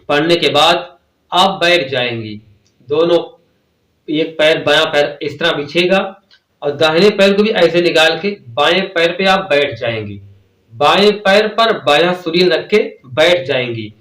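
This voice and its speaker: A man's voice: on the high side, fairly bright tone, roomy sound, low-quality recording. A man patiently teaching the steps of prayer, repeating and rephrasing each point. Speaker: religious teacher. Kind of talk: step-by-step prayer instruction.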